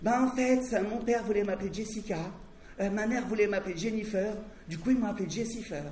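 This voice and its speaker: Brief: comedian doing a dim young salon girl, earnest and bouncy, high pitch, roomy distant stage sound. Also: fairly quick, darkish tone, slight background noise, natural voice. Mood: naive chatter. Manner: dim-witted, earnest, slightly indignant. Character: naive ditzy young female hairdresser.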